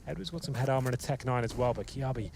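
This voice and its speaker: A man's voice: medium pitch, rapid-fire, creaky, background noise. A man commentating an esports match as a caster, giving flowing, analytical play-by-play.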